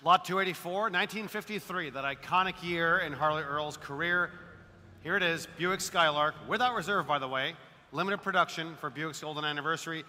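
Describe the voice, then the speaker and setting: A man's voice: fairly high pitch, fairly quick, bright, forceful tone. A man working as an auction announcer, presenting lots in an emphatic, promotional salesman's style. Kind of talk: promotional lot description. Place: large auction hall. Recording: reverberant hall.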